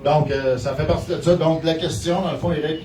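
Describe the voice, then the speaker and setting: A man's voice: on the high side, fairly even intonation, a little fast, a little mellow. A man with a Quebec French accent speaking informally as a political representative in a public discussion. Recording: echoey, noisy, distant microphone.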